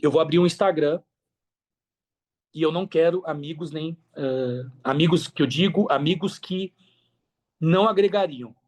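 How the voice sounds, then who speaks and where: Casually narrating his story in a podcast interview, this Brazilian affiliate marketer leans on slang and repeats himself to stress things. His fairly high voice moves at a moderate pace with frequent pauses and a darkish tone.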